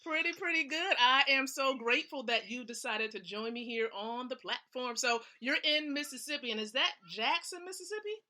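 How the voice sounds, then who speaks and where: Bright energetic woman hosting a live stream. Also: high voice, moderate pace, few pauses. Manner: energetic, encouraging, laughs often. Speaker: host of a nightly live stream. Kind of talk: upbeat live-stream talk.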